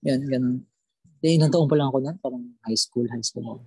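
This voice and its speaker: A young adult recounting a ghost story in easygoing chat, with a mellow, husky tone. The delivery halts and circles back on words, and quoted lines drop to a hush. Dry, close sound. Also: medium pitch, dry recording. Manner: halting, repeats words while recalling details. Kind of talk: casual spoken ghost story.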